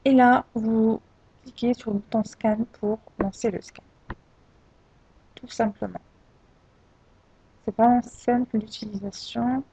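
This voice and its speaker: Hesitant woman, gravelly lo-fi voice. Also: on the high side, steady tone, takes it slowly, pauses often, dark tone. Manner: hesitant, many fillers and restarts. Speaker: tutorial presenter. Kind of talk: screen-recorded software tutorial. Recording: dull lo-fi home recording.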